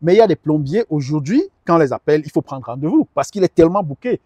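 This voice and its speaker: A middle-aged man speaking earnestly in a sit-down interview, his voice sitting fairly high for a man. He stumbles and repeats words as he searches for them. The sound is dry and close, with no room echo. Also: animated, fast, dark tone, slightly rough. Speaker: guest advisor on immigration. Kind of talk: conversational interview.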